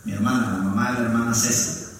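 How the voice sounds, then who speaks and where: A man's voice: fairly low pitch, fairly even intonation, fast, distant mic, a little hiss or hum. A male pastor preaching a sermon in a church, joking with the congregation as he goes. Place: church hall. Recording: echoey hall, mic from afar.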